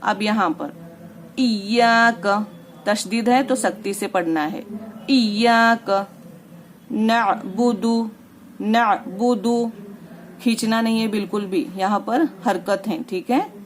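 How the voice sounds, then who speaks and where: A woman's voice: mid-range voice, moderate pace, a little hiss or hum. A woman teaching the rules of Quran recitation step by step. She patiently checks understanding and draws out words when she demonstrates them. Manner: patient, repeats "theek hai" to check understanding.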